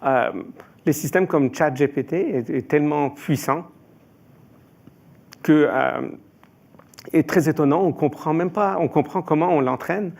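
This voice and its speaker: A man's voice: a little high, unhurried, gravelly, pauses often, darkish tone. A man from Iran answering as an expert panelist, hesitant, with frequent filler sounds and restarts.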